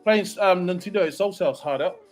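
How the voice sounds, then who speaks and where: A man with a New Zealand accent, a youth worker co-hosting a casual livestream, animated and laughing as he tells stories. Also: high voice, a little fast, faint music behind. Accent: New Zealand English. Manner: animated, laughing, acts out quotes. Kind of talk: casual group chat.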